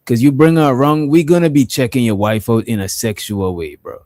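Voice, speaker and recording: A man's voice: medium pitch, moderate pace, darkish tone, no room sound. A man and pastor co-hosting a casual podcast chat, talking bluntly in loose slang, full of profanity and "you know what I mean".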